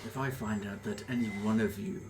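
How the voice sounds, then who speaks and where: Man playing a low, haughty, menacing hoard guardian. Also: steady tone, fairly quick, background noise, lightly acted. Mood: stern, threatening. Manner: formal, condescending, curt.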